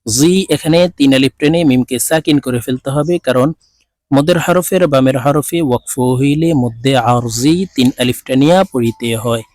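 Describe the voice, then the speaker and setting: A man with a Bangladeshi accent teaching Quran reading, spelling each word letter by letter and then chanting it slowly and drawn out. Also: mid-range voice, darkish tone, dry recording. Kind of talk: spelling out and slowly reciting Quranic words in a lesson.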